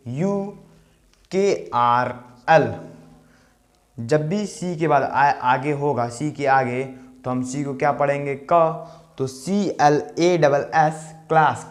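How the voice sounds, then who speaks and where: A man teaching beginners a grammar lesson, drilling rules with repeated questions and playful asides. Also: on the high side. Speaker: English tutor.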